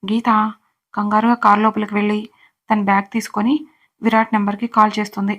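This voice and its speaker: A woman's voice: medium pitch, flat delivery, a little fast, fairly bright tone. Woman narrating a serial story evenly.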